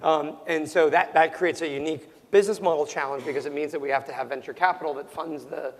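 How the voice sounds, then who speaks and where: In a fast-paced interview, a young startup founder speaks at near-shouting volume in a steady tone, filling his answers with ums and restarts. Hoarse and losing his voice, he cracks occasionally, and his pitch runs a little high for a man. Long reverb lingers in the recording.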